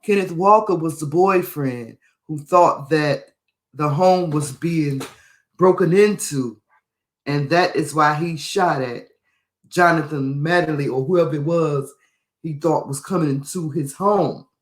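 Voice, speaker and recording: An indignant man hosts a podcast, going through a news article and adding his own commentary. His voice is on the high side and unhurried, the room echoes, and he repeats phrases for emphasis.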